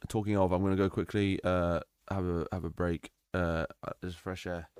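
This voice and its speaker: A young man with a low, deep voice chats easily with his live-stream audience and calls out viewers by name. The sound is close and dry, with no room echo. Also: flat delivery, normal speed, darkish tone, clear, resonant tone. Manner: easygoing, chatty, talks to viewers by name. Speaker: livestreamer. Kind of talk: casual live-stream chat.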